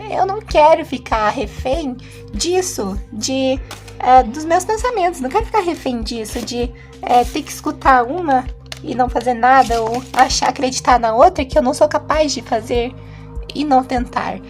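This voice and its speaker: A woman's voice: high voice, lively intonation, moderate pace, faint music behind. A woman voicing a young female living doll who insists earnestly and pleads, retelling lines from a stage play. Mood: defiant. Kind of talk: acted play lines, retold.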